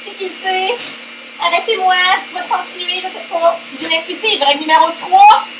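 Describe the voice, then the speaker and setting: A woman's voice: very high-pitched, fairly even intonation, normal speed, distant mic. A woman with a Québécois accent hosting a playful, jokey home cooking vlog, slipping English words in and singing little chants. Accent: Québécois French. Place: home kitchen. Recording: echoey kitchen with loud mixer noise. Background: electric hand mixer whirring.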